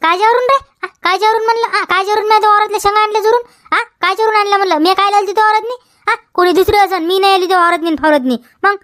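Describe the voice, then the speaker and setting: A woman's voice: extremely high pitch, steady tone, rapid-fire, a bit bright, dry recording, studio quality. A woman with a Vidarbha Marathi accent playing a quarrelsome village wife who argues back and repeats her questions in a comedy sketch. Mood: defiant. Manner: argumentative, repeats questions, tags "हा?".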